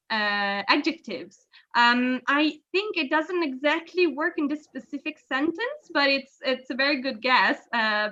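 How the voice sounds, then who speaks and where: A woman teaching English on a video call, patient and explaining slowly with many fillers. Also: on the high side, bright, forceful tone, muffled recording. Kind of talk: online language lesson.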